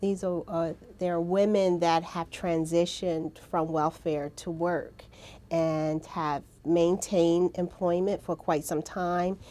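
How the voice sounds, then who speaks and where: A woman's voice: fairly low pitch, level tone, slow, mellow. A woman who directs a nonprofit answers an interview question in a plain, explanatory way, with small restarts.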